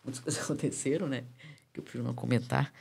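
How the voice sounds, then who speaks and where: A woman's voice: rumbling low, fairly even intonation, rapid-fire, creaky, darkish tone, slightly rough. A young Brazilian woman from Espírito Santo, a guest on a podcast, telling her story earnestly and animatedly, with frequent tag questions. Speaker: podcast guest, MMA fighter. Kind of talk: casual storytelling interview.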